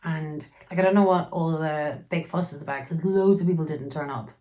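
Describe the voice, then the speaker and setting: A woman's voice: deep voice, brisk, mellow, highs cut off, lightly acted. A young woman playing a hungover party-goer, chatting flippantly in a video diary.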